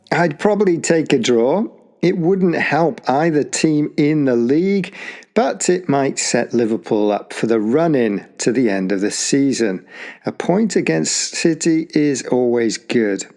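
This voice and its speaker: A man's voice: medium pitch, a little mellow. A man co-hosting a football podcast, talking in a chatty, upbeat way. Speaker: podcast co-host. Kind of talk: casual football podcast chat.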